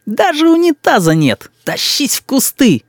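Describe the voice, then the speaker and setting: A shrill spoiled little boy. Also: huge pitch swings, no echo, studio quality, heavily acted. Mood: indignant. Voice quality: shrill, drawn-out whining. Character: spoiled bossy little boy, indignant and demanding.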